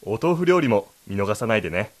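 A man's voice: lowish voice, sing-song, brisk. A man co-hosting a language lesson, explaining and rephrasing lines in a polite, explanatory manner. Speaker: co-host.

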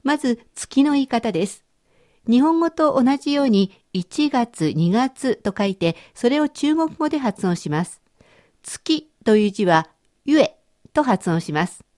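A Japanese woman teaching a radio language lesson, explaining patiently and clearly. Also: fairly high pitch, big pitch swings, measured pace, a little mellow.

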